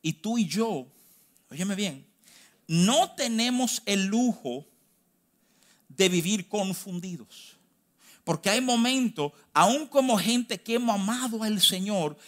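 A Dominican man preaching with a notably high voice. He leans hard on key phrases, slowing them right down, then speeds through quick asides in between. The rhythm stays emphatic throughout the sermon. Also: animated, a bit bright. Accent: Dominican Spanish. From Dominican Republic.

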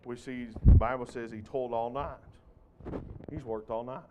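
A man's voice: medium pitch, fairly even intonation, moderate pace, very noisy. A man preaching a sermon as a traveling missionary, folksy and emphatic, with rhetorical questions to the congregation. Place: church.

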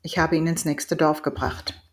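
A woman's voice: deep voice, little pitch movement, moderate pace, close to an everyday voice. A woman voicing a proud, hot-blooded male hunter and father in an audiobook reading, earnest and determined.

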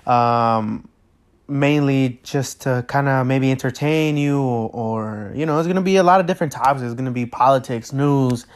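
A man's voice: medium pitch, normal speed. Nervous rambling teenage boy host. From Mexico. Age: teens. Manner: nervous, rambling, many fillers and restarts. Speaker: podcast host. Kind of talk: casual solo podcast intro. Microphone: no proper mic.

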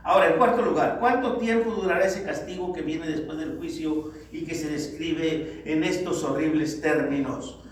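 A man preaching a sermon to the congregation, calling them brothers, swinging from loud exhortation to low, grave tones. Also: normal speed. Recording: very echoey hall, distant mic, faint noise.

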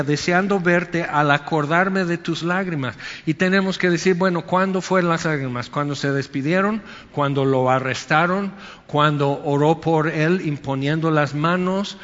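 A man's voice: a little high, fairly bright tone, long reverb tail, lo-fi sound. A male pastor preaching a Sunday sermon in a conversational way, acting out quotes and asides.

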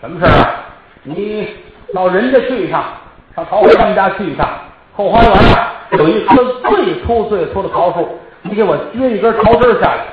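A man voicing a ruthless, scheming older male official who gives orders, on an echoey, dull recording with loud noise. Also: high voice, expressive, fairly quick, voice pushed up. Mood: commanding. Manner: commanding, gloating.

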